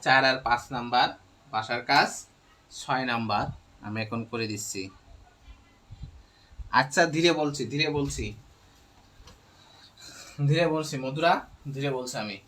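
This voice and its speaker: A middle-aged man teaching an online logic lesson, dictating symbols slowly and repeating each step. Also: mid-range voice, sharp tone, rough recording. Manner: slow, repetitive step-by-step dictation.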